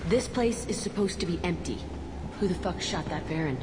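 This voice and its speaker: An actress voices a tough, bitter young woman, a former test subject, who speaks bluntly and swears freely. Her voice is lowish and expressive at normal speed, lightly acted, over a noisy, reverberant background of loud game music.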